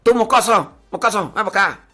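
A man playing a short-tempered parent who yells and scolds a child in a raised voice. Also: high voice, animated, fairly quick, slightly rough, faint music behind, heavily acted. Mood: scolding.

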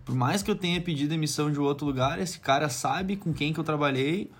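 A Brazilian barber living abroad as an immigrant tells casual anecdotes in a southern Brazilian Portuguese accent. His voice is on the high side, fast, with a breathy edge. He talks in slang, swears now and then, and acts out what people said to him.

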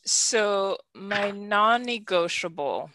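A Belgian woman hosts a podcast where she talks openly about her love life, laughing a lot and restarting sentences. Her mid-range voice has lively intonation, drawn-out words and a sharp edge. The audio quality is poor.

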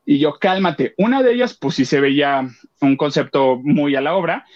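A man speaking Spanish with a Mexican accent co-hosts a radio program, recounting a theater outing casually and animatedly while imitating the voices of the people in it. His voice sits on the high side at a moderate pace, and the highs are cut off.

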